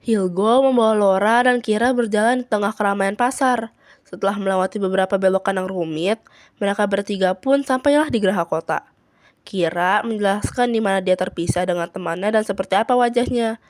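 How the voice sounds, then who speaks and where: A teenage girl, a student, narrating a short story in a steady, plain reading voice. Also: medium pitch, fairly quick. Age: teens. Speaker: student reader.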